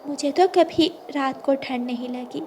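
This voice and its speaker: Young sparrow bride voiced by a woman, bright high pitch, polite and obedient, slight hiss. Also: a little slow. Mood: eager. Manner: polite, eager. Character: dutiful young sparrow daughter-in-law, eager and obedient. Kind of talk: storybook cartoon voice acting.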